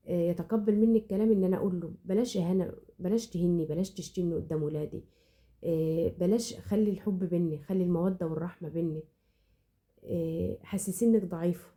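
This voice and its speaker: Fast-talking Egyptian woman, dark voice. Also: on the low side. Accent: Egyptian Arabic. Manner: earnest, repetitive, swears oaths, frequent restarts. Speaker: home cooking channel host. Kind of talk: heartfelt advice talk to viewers.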